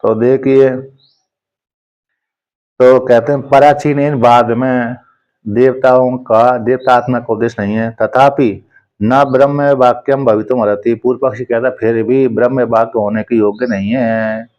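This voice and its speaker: Man slowly explaining Sanskrit scripture. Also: medium pitch, fairly even intonation, a little mellow, muffled recording. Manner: reads Sanskrit slowly, then explains it conversationally. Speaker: scripture teacher. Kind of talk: explaining a Sanskrit commentary line by line in Hindi.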